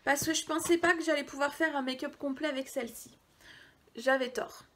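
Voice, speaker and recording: A woman chatting casually through a makeup haul video, hesitant, often dropping into quiet asides. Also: high-pitched, fairly even intonation, a little fast, slight background noise. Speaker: beauty vlogger.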